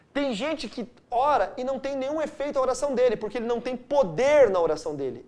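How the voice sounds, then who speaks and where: A middle-aged man from Brazil, a pastor leading a Bible study, telling stories with big swings between loud and hushed. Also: very high voice. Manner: animated storytelling with wide swings of loudness.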